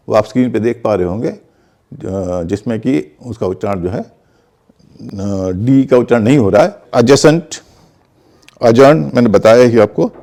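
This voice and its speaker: A man's voice: medium pitch, dark tone. A man teaching English pronunciation in Hindi, methodically spelling words out and repeating examples. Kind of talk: explanatory lesson in conversation.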